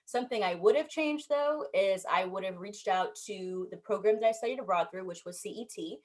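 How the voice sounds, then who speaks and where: A young American woman speaks on a discussion panel, her voice sitting at a middle pitch. She tells her story with animated emphasis, often rising in pitch and volume as she presses a point. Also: moderate pace. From United States.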